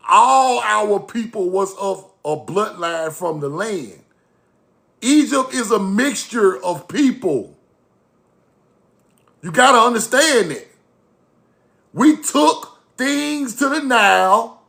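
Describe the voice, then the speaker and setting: A man's voice: very high voice, lively intonation, takes it slowly, vocal fry, long pauses, fairly bright tone. A young man from Mississippi, talking casually and emphatically to his chat audience with repeated catchphrases. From Mississippi, USA. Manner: repetitive catchphrases, preachy and emphatic. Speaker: online video host.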